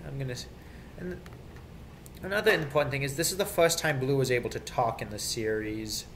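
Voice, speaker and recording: This man's mid-range, slightly bright voice moves fairly quickly as he goes off on an unscripted tangent about children's TV theme tunes, repeating himself frequently. He's a video creator, and the amateur home recording picks up some background noise.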